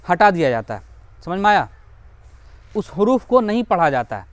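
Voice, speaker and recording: High-voiced man teaching Quran reading. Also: sing-song, no room sound. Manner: explains slowly, repeats examples, asks and answers his own questions; drawls out example words slowly to model pronunciation. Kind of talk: classroom lesson.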